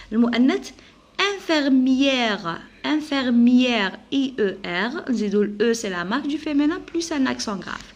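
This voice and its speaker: A woman teacher with an Algerian accent, giving a French lesson to children. She spells out words slowly and carefully, asks questions, and answers them herself. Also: on the high side. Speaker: primary school teacher.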